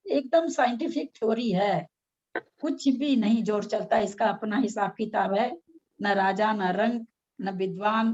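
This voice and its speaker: A woman's voice: mid-range voice, darkish tone, breathy edge, dull audio. A middle-aged woman leading a casual spiritual discussion, frank and argumentative, full of rhetorical questions. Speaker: religious discussion leader.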